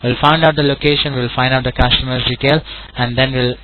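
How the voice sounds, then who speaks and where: Indian call center agent on a tinny phone. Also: male voice, medium pitch, flat delivery, brisk. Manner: polite, wordy, repetitive, often saying sir and all right. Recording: tinny phone line with clear noise.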